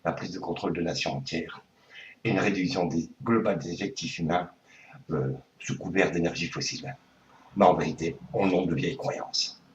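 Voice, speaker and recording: A man making a prank phone call, hesitant and full of pauses, earnestly conspiratorial. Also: sits low, fairly even intonation, slight background noise. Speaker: prank caller.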